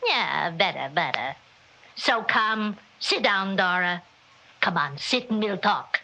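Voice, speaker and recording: In a 1960s radio drama, a woman plays a meddling, chatty older mother-in-law with a New York accent. Her voice is medium-pitched, bright, forceful and exaggerated, slow and expressive with vocal fry, as she kvetches in coaxing, bossy rhetorical questions with inverted Yiddish-style syntax. The old recording sounds muffled and hissy.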